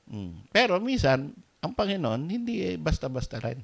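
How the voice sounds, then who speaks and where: A man with a Filipino accent preaching a sermon as pastor, mixing Tagalog and English, dropping to soft asides and rising to loud emphatic peaks. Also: a little high, very animated, moderate pace, gravelly.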